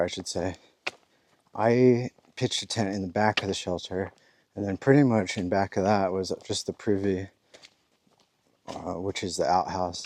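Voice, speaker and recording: A man's voice: low-pitched, a little mellow, a little hiss or hum. A man vlogging casually while walking a forest trail outdoors, rambling easygoing talk with chuckles. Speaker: thru-hiker vlogger.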